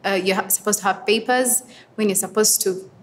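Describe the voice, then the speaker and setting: A young woman in her twenties from Uganda, answering interview questions earnestly and thoughtfully, pausing often with small fillers. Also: mid-range voice, fairly even intonation, slight background noise. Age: 20s. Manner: earnest, reflective, with pauses and fillers. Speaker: interviewee, advocate for women and girls.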